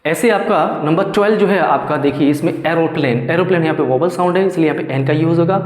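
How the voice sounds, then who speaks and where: A teacher explaining a grammar exercise, reading example sentences slowly and then explaining them in quick bursts. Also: medium pitch. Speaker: English teacher. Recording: echoey room with long reverb.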